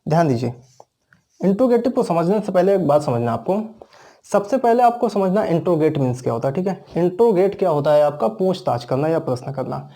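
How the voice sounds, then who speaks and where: A man's voice: fairly high pitch, very animated, a little fast, warm tone. A man with an Indian accent, an English teacher explaining grammar step by step and asking and answering his own questions. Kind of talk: classroom grammar lesson.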